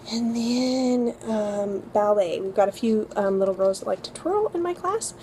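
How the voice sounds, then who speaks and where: A woman's voice: medium pitch, mellow, slight background noise, rough recording. A woman tutor walking through her weekly lesson plans in a chatty, upbeat way with frequent ums. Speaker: homeschool co-op tutor. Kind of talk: casual lesson-plan walkthrough.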